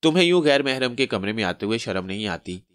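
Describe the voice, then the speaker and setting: A man voicing a skinny, panicky male trickster who shouts in flustered bursts. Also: medium pitch, sing-song, fast, no room sound, studio quality.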